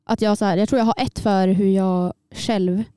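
A woman's voice: medium pitch, fairly even intonation, warm tone, clean tone, no echo, clean studio sound. A young woman co-hosting a podcast in casual chat, talking hesitantly with many fillers and laughing easily. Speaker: podcast co-host.

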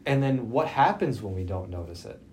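A man hosting a laid-back podcast wears a face mask, muffling his mid-range, darkish voice slightly. He speaks briskly with lively intonation, and the socially distanced recording has noticeable background noise.

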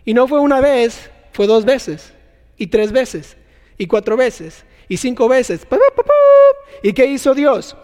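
Animated preacher, high voice, hall echo. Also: male voice, measured pace. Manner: animated, acts out scenes with sound effects. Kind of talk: sermon.

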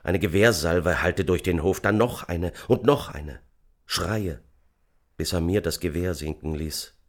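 Deep-voiced man reading an audiobook. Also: unhurried. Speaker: audiobook reader. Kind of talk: scripted narration.

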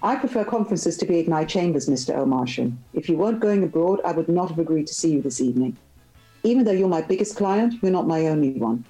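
A dry, forthright young barrister who refuses to be charmed, voiced by a woman reading a novel aloud. The delivery is firm and low, with a mellow, dark tone over faint music. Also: lively intonation, quick pace, low-quality recording.

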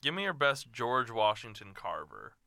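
A young man in his twenties playing a party game with friends, animated and joking, rambling with lots of fillers. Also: mid-range voice, moderate pace, vocal fry, dry recording, clean studio sound. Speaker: game player. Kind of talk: casual chat among friends.

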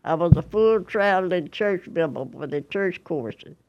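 A woman's voice: on the low side, animated, moderate pace, highs cut off. A hundred-year-old woman from Tennessee, chatting in an interview, rambling and repeating herself with frequent laughs. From Tennessee, USA. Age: 100. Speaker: choir member, interview guest. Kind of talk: casual interview chat.

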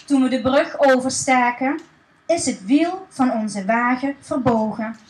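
A woman's voice: high-pitched, animated, unhurried, low-quality recording. A woman voicing a tired father of a stranded family, plain and weary. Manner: tired and dejected.

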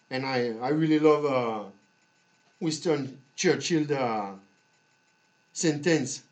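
Slow-speaking, halting male podcast host. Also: mid-range voice. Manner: halting, with long pauses and repeated words. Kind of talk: motivational monologue for a podcast.

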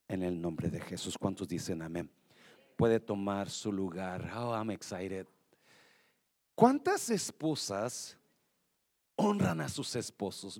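A male pastor preaching to a church, lively and joking, dropping in English phrases. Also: fairly low pitch. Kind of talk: sermon.

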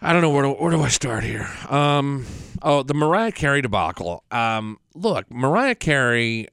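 A man hosts a casual podcast on his own. His voice is smooth and clear, recorded very dry, and he speaks bluntly and with opinion in an unscripted, conversational way. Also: mid-range voice, sing-song, moderate pace, fairly bright tone, no echo. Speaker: podcast host.

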